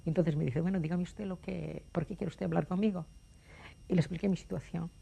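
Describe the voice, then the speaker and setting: A woman's voice: fairly low pitch, steady tone, a little fast, creaky, mellow, slightly rough. An older woman from Galicia recalling her past as a documentary witness, vividly acting out the voices in her memories. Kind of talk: personal recollection.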